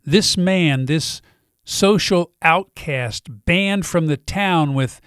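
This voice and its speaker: Middle-aged male pastor, slightly high voice, slow and deliberate sermon delivery with weighty pauses. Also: fairly bright tone, clean tone, no room sound, clean studio sound. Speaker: senior pastor.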